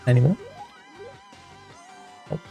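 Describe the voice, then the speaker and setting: A man's voice: takes it slowly, narrow, tinny audio, faint music behind. A young man giving casual, amused gameplay commentary in a laid-back way. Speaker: game streamer reacting to a playthrough.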